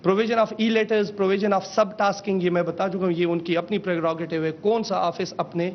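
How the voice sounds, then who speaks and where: High-voiced man giving a formal slide briefing. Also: fairly even intonation. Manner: mixes in English phrases, calls out slide changes. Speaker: government official presenting a system. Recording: dull lo-fi with faint rumble.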